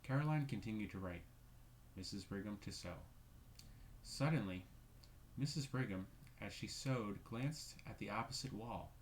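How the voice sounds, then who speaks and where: A man reading a classic ghost story aloud in a measured, steady way. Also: on the low side, a little hiss or hum, poor audio. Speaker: reader.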